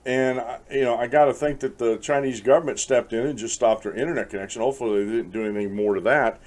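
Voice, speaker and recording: A man's voice: medium pitch, fairly even intonation, quick pace, darkish tone. A man hosting a casual political commentary show, rambling with restarts and fillers and speaking straight to his listeners. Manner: rambling, frequent restarts and fillers, addresses folks; chuckles while reading aloud.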